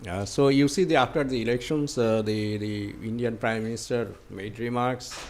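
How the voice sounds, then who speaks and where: A man answering audience questions at a conference, speaking haltingly with many fillers and restarts. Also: mid-range voice, fairly even intonation, darkish tone.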